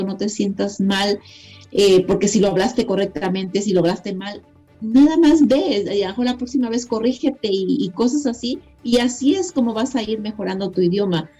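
Mellow-voiced Mexican woman, encouraging guest. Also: on the high side. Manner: earnest, proud, encouraging, speaks frankly. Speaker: guest author. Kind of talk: casual radio interview.

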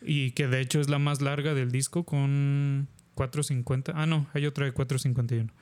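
A man with a Mexican Spanish accent chatting easily as a podcast co-host. His voice sits at a middle pitch. He talks loosely and casually, with slang and plenty of fillers. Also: a little fast, clean tone. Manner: relaxed slangy talk, many fillers. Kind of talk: casual chat.

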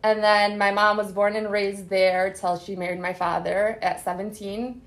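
A woman's voice: mid-range voice, little pitch movement, normal speed, poor audio. A woman in her thirties from Chicago, chatting casually as a guest and laughing often. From Chicago, USA. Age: 30s. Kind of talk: casual chat.

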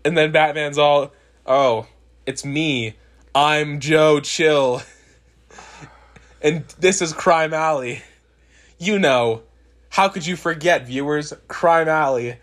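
A man's voice: fairly high pitch, fairly bright tone. Sarcastic young man recapping a movie. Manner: sarcastic, mocking recaps with quick put-on quotes. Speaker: podcast co-host. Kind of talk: casual chat.

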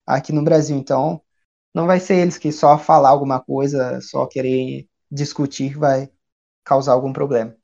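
Gravelly Brazilian man, mellow lo-fi voice. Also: medium pitch, moderate pace. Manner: relaxed, rambling storyteller. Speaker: guest. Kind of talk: casual chat. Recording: dull lo-fi sound.

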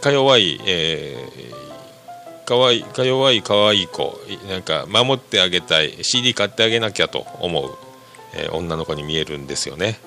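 A man hosting a podcast, rambling casually about music in a chatty, lively way. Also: deep voice, moderate pace, creaky. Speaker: podcast host.

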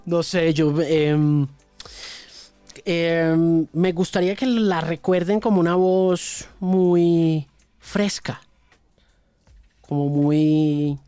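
A radio host from Colombia, telling stories in an interview, animated and full of repeated words and restarts. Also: male voice, fairly high pitch, very slow, long pauses, clear, resonant tone, dry recording, soft background music. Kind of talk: storytelling in an interview.

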